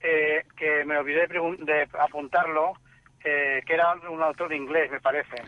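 A man's voice: on the high side, little pitch movement, normal speed. A man calling in to a radio show over the phone line, polite and hesitant, with many fillers and restarts. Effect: heard over the phone line. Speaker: radio caller. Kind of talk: casual call-in chat.

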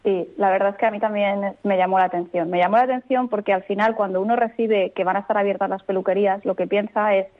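A woman legal expert speaking as a radio guest, explaining rules in a clear, firm, methodical way. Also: medium pitch, fairly even intonation, fast talker, few pauses. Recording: tinny phone line.

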